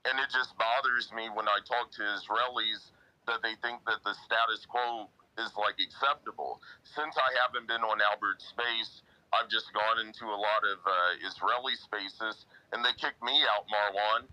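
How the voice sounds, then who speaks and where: A man's voice: fairly low pitch, steady tone, normal speed, sharp tone, rough recording. A man talking earnestly in a casual online chat, often quoting his own past words. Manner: earnest, quotes himself often. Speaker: guest in online audio chat.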